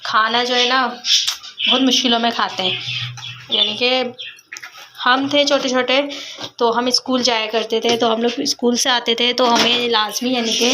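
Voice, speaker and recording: A young woman with a sore throat, chatting casually while cooking at home for her family vlog, rambling with many fillers. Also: on the high side. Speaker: family vlogger. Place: home kitchen. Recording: loud background noise.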